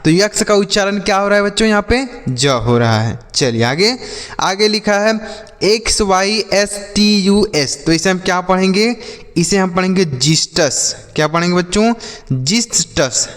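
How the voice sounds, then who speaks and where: A man teaching English reading as a slow lesson, spelling words letter by letter and repeating each answer for his pupils. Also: high voice, a bit bright, long reverb tail. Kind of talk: classroom-style spelling lesson.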